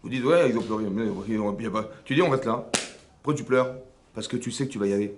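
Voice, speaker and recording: A man, a rabbi giving a lively religious lesson to a women's class, full of rhetorical questions and checks on whether his listeners follow. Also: lowish voice, fast talker, noisy background. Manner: animated, rhetorical questions, frequent checks on understanding. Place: seminary classroom.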